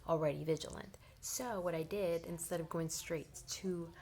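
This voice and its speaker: A woman's voice: normal speed, a little hiss or hum. A young woman in her twenties telling a personal story in a casual, rambling way, often dropping into a whisper and filling gaps with "you know". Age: 20s. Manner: animated, rambling, frequent fillers like "you know"; drops often into a low whisper. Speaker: vlogger.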